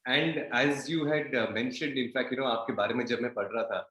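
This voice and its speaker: A man's voice: medium pitch, very fast, fairly bright tone. Indian male interviewer in an echoey room. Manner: polite, switches between English and Hindi. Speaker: podcast host. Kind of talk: interview hosting, introducing and questioning a guest.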